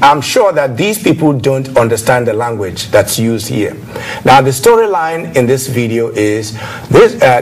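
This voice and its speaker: TV host, halting delivery. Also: male voice, medium pitch, slight background noise. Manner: hesitant, many filler sounds. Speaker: talk show host. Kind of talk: TV talk show interview.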